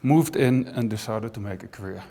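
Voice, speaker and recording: A Dutch-raised university professor gives a conversational conference talk in a large auditorium, full of dry jokes and frequent asides. His voice is fairly low and mellow at a normal speed, and long hall reverb hangs on the recording.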